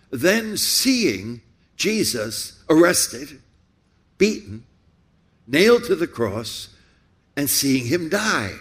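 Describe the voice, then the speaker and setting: A pastor preaching a sermon, asking repeated rhetorical questions with building emphasis. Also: male voice, medium pitch, slightly rough.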